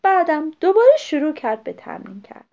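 A woman narrating a story for children, animated and addressing the kids directly. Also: high voice.

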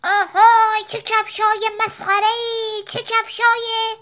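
A woman's voice: very high-pitched, lively intonation, bright, forceful tone, voice pushed up, heavily acted. A woman voicing a young schoolboy bully who taunts and jeers in a sing-song way. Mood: mocking.

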